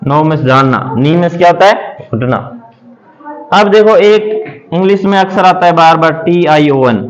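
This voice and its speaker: High-voiced man drilling a phonics lesson. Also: animated, moderate pace. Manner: repeats questions and answers them himself, patient and drilling; writes examples on a board while talking. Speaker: teacher. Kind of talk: classroom lesson on English phonics. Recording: dull lo-fi recording.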